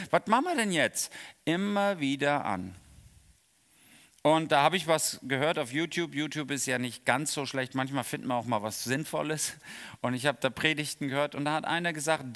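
A middle-aged man preaching an informal sermon, lively and chatty, asking his listeners questions and swinging from loud outbursts to quiet reflection. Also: on the high side. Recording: long reverb of a hall.

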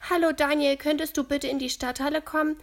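A woman's voice: high-pitched, steady tone, fairly quick, voice pushed up. Kindly old lady, as a woman puts her on. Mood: calm. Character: kindly elderly woman, dog owner.

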